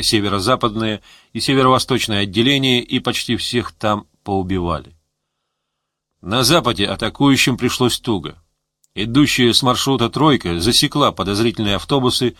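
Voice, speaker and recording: A man narrating an audiobook in a measured, steady reading voice. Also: mid-range voice, dry recording, studio quality. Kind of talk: scripted narration.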